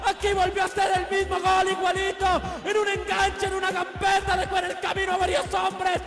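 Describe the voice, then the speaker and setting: Very high-pitched Colombian man, breakneck goal commentary. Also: completely flat delivery, crowd noise. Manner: impassioned, shouting, drawn-out goal cries. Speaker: football play-by-play commentator. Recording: echoey broadcast over loud music.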